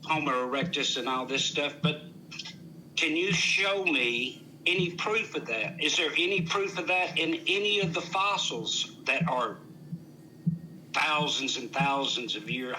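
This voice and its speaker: A man's voice: fairly high pitch, expressive, a little slow, sharp tone, a little hiss or hum, poor audio. An older man arguing in a heated debate, indignant and insistent, repeating himself for emphasis. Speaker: debater challenging evolution.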